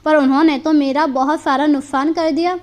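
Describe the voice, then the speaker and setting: A grumbling, jealous merchant from a folk tale protests in a whiny, high voice, as a woman reads him out. He complains and bristles, his lines delivered in a simple storybook manner. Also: fairly even intonation, normal speed, a little mellow, close to an everyday voice. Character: greedy, jealous middle-aged male merchant. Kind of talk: storybook character voice.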